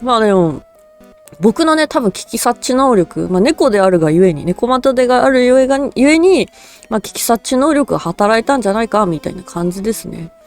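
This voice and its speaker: A woman narrates a true story in a relaxed, rambling style, full of fillers and small chuckles. Her voice is lively, rising and falling freely as she goes. Soft music plays faintly behind her. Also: fairly high pitch, a little fast. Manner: rambling, casual, chuckles often, many fillers. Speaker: virtual cat-spirit storyteller.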